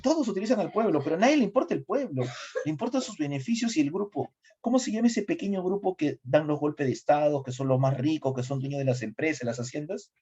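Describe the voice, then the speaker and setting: A middle-aged man with a Peruvian accent giving a lively history lecture, quizzing his students as he goes. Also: fairly high pitch, fast, husky. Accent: Peruvian Spanish. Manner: asks students questions, animated. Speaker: history teacher. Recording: slightly dull lo-fi recording.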